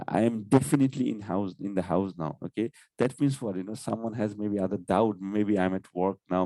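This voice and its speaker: A man's voice: fairly low pitch, dark tone, dry recording. A man teaching Arabic grammar in an online class, explaining patiently and saying "okay" often.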